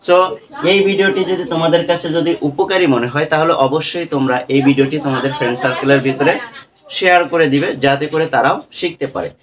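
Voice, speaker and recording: A man teaching English pronunciation in Bengali with a Bangladeshi accent, spelling words out letter by letter and often asking "right?" as he goes. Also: on the high side. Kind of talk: online pronunciation lesson.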